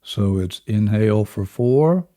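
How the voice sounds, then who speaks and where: A man leading a guided breathing lesson as instructor, measured and instructional, counting out each step. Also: on the low side, lively intonation, dark tone. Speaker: relaxation and breathing instructor, host.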